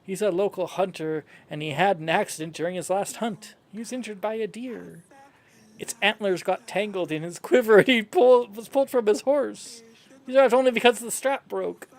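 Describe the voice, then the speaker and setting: A man's voice: high voice, normal speed. A man voicing a worried peasant wife earnestly pleading for help in a fantasy game.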